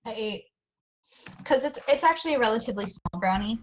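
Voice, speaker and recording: A woman with a stuffy, runny nose chats casually with a friend and breaks into giggles often. Her voice sits a little higher than most women's, and a faint hiss runs under the recording. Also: animated, fairly quick. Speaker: friend keeping the streamer company. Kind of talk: casual chat.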